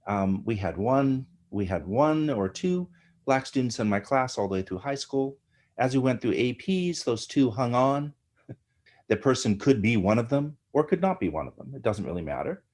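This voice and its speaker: A middle-aged American man, an academic guest, explains ideas in an animated lecturing way, often tagging his points with "right?". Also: mid-range voice, moderate pace. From United States. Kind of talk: explanatory interview talk.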